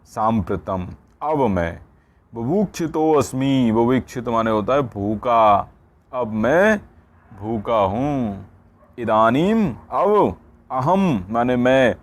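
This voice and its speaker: Low-voiced man teaching Sanskrit grammar. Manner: repeats words and checks in with "ठीक है". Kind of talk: explaining a textbook lesson line by line.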